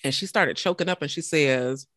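A podcaster shares a heartfelt testimony in an animated, faith-filled way, often stopping and restarting mid-thought. The voice sits at a middle pitch. It is recorded close and dry, with no room sound. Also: normal speed, no room sound. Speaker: podcaster guest. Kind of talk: emotional storytelling in conversation.

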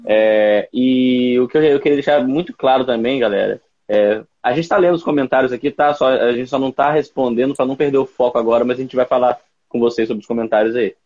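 A man's voice: mid-range voice, fairly quick, darkish tone, dry recording, highs cut off. A man, co-hosting as administrator of the channel, who speaks earnestly and steadily to the viewers. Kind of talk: live chat on a stream.

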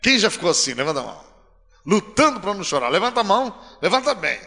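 A male pastor preaching a sermon, swinging from soft to loud and calling on the congregation. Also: sits high, very animated, quick pace, creaky. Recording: long hall reverb.

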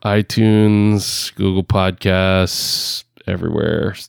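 Low, steady, and creaky yet clear and resonant, this man's slow voice comes through clean studio sound with no echo from his headphones and home podcast setup. He rambles through a casual podcast chat in an exaggerated fake New York accent, laughing often and using lots of fillers.

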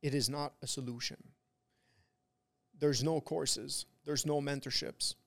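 A man with a gravelly, creaky voice speaks like a frat bro on a podcast. He hammers his points in short, repeated phrases, casual and preachy like a pep talk. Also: medium pitch, fairly even intonation, a little slow, a bit bright. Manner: frat-bro talk, peppered with bro, dude and swearing. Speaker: podcast guest, trader who runs a trading community.

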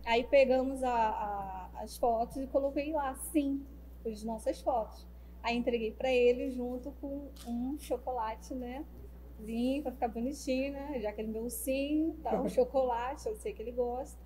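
A young woman casually telling the story of her relationship as a guest, animated and acting out the dialogue. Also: a little high, normal speed, low-quality recording. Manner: animated, acts out the dialogue, many fillers like "né". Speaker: guest telling how she met her partner.

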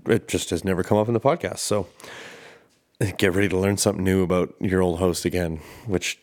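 A man with a very low voice hosts a solo podcast. He rambles in a loose, candid way and swears freely. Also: fairly even intonation, a little fast, a little mellow. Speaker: podcast host. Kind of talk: casual solo podcast monologue.

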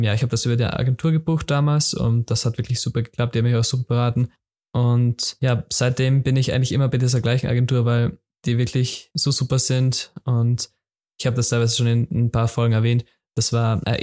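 A young man hosts a solo podcast, chatting casually in a loose, repetitive way full of fillers and restarts. His voice is mid-range with a darkish tone.

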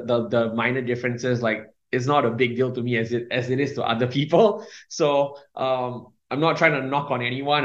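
A man's voice: mid-range voice, fairly bright tone. A young man, telling his faith story as a podcast guest in a rambling way, with many fillers, restarts and small laughs. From Singapore. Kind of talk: casual testimony. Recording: roomy, dull lo-fi sound.

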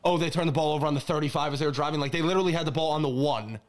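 Fast-talking guy with a higher voice, blunt and sarcastic about football. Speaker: panelist. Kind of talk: casual sports chat.

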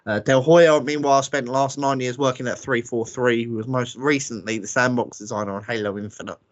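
A man's voice: medium pitch, steady tone, a little fast, no room sound. A man hosting a casual gaming podcast, blunt and dismissive, laughing now and then. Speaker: podcast host. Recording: dull, slightly lo-fi, dry sound.

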